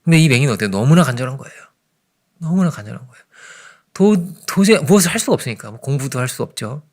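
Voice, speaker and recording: Quick-paced and expressive, a pastor with a mid-range voice preaches an early morning sermon as if in conversation. He frequently checks in with the congregation, moving between loud emphasis and soft asides.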